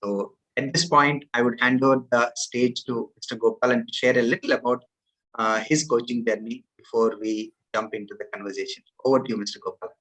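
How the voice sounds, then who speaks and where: A man's voice: medium pitch, fairly even intonation, a little fast, a bit bright, rough recording. A male host formally introducing and interviewing a coach, polite with some hesitations. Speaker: podcast host. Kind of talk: hosting an interview.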